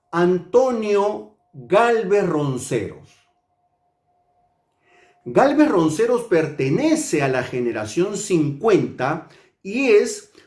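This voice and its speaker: A man from Peru, a literature teacher, reviewing a book in a slow, measured and deliberate way. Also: on the high side, darkish tone, roomy sound.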